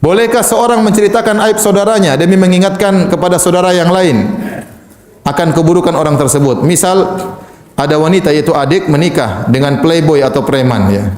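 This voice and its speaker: A man preaching in a religious question-and-answer lecture, moving between soft and emphatic delivery and chuckling now and then. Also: a little high, a little fast, reverberant. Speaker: Islamic preacher.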